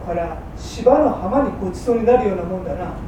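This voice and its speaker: A woman voicing a gruff old-Edo fishmonger. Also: medium pitch, lively intonation, fast talker, natural voice. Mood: easygoing. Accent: old Edo Tokyo working-class. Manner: gruff, clipped, rough-spoken. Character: hard-drinking male fishmonger, rough, boastful, then repentant. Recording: roomy hall from far off, faint hum.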